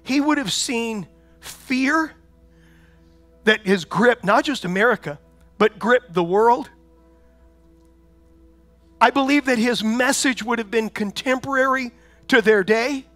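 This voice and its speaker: A man with a very high speaking voice delivers a sermon as pastor. He talks in a conversational way, keeps asking rhetorical questions, and rises to loud proclamations. Soft music plays underneath. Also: takes it slowly, long pauses.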